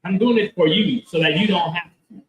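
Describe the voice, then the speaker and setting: Recorded from a distance in an echoing convention hall, a comic book creator answers interview questions as a guest. He talks a little fast in a voice that sits high, rambling and restarting, with lots of fillers.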